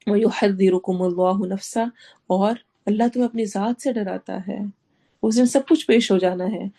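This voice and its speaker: A woman teaching Quran recitation, reciting each phrase slowly and then explaining each sound, with English words mixed into her teaching. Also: medium pitch, creaky, mellow, breathy edge. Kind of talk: tafsir and tajweed lesson.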